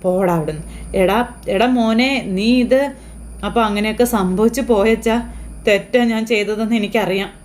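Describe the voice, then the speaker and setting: A woman voicing a middle-aged father who is gruff but forgiving, quoting his lines plainly while retelling a TV serial episode. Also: medium pitch, moderate pace, a little mellow, slight background noise, lightly acted. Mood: tender.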